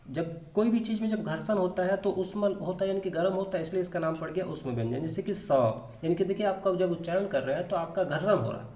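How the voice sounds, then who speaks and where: A man's voice: sits high, quick pace, hardly any pauses, warm tone, roomy sound. A man teaching a grammar lesson, explaining patiently, repeating terms and answering his own questions.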